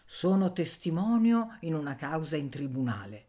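A woman reading as a shy young male shepherd, speaking quietly and timidly. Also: low voice, sing-song, moderate pace.

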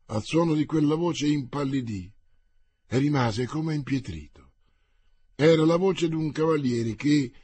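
A man reads an adventure novel aloud with dramatic pacing. His voice sits a little high and sounds husky, recorded close and dry with no room sound. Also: a little mellow, dry recording. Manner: dramatic, paced reading. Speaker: narrator. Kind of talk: audiobook narration.

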